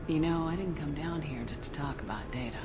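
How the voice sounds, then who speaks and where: Woman playing a low-voiced, wry female space commander. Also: fairly quick, close to an everyday voice. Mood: wry, flirtatious. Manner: dry, wry, direct. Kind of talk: cinematic video game dialogue. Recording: loud music behind the voice.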